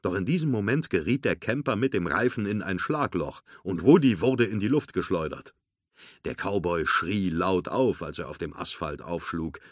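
A man narrating a storybook read-aloud in a steady, clear storytelling manner. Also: low-pitched, moderate pace, dry recording, clean studio sound.

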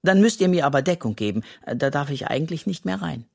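A reader voicing an excitable, boastful little male raccoon in a children's audiobook, with a hissing, conspiratorial manner. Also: mid-range voice, fast talker, vocal fry. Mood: excited. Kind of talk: children's audiobook role reading.

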